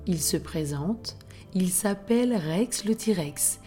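A woman narrating a children's bedtime story in a hushed, unhurried way, often slipping into a whisper. Her voice is mellow and warm, at an even middle pitch. Gentle music plays faintly underneath.

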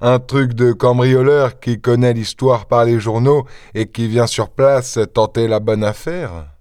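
A man's voice: mid-range voice, fairly even intonation, darkish tone, smooth, dry recording, studio quality. Man reading a classic novel aloud. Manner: measured storytelling. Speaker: audiobook reader. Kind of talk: scripted narration.

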